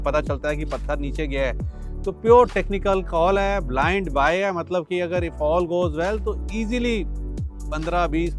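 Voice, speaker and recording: Guy doing chatty stock chart talk to his viewers, a bit high voiced, music going on underneath. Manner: chatty, calls viewers "bhaiya", drops English phrases in; explains with everyday comparisons. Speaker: stock market analyst and channel host. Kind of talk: casual market commentary to viewers. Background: background music.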